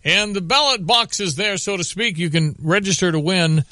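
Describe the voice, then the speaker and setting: Male local radio host, live reads, high voice, dry close studio sound. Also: moderate pace, pushed and bright, dry recording.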